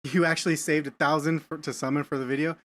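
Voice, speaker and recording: A young man hosts a casual game live stream, thinking aloud and greeting viewers. His voice sits a little on the high side, and he stumbles over and repeats words as he works through his plans. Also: flat delivery, fast talker, fairly bright tone. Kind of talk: casual live-stream chat while gaming.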